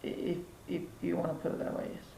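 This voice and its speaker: A man's voice: fast talker, warm tone, lightly acted. A man playing a bumbling plant professor. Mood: hesitant. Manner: hesitant, full of ums, forgets names. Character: bumbling male plant professor, vague and forgetful. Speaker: mock expert interviewee. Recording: roomy with faint background noise.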